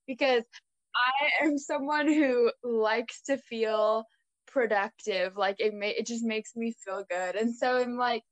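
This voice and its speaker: A woman's voice: a little high, no room sound. Chatty young woman, dry sound. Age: young adult. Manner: chatty, laughs often. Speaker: co-host. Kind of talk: casual chat.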